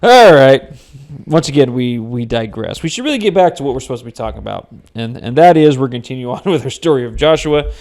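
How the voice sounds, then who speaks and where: A man's voice: mid-range voice, animated, fast talker, darkish tone. A man hosting a casual podcast, talking through a Bible story, often laughing and restarting his sentences. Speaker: podcast host.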